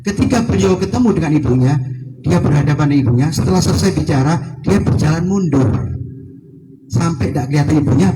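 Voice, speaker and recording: A man's voice: a little high, warm tone, rough recording. A man from East Java giving a religious sermon, telling stories to his audience and voicing the people in them. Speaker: preacher.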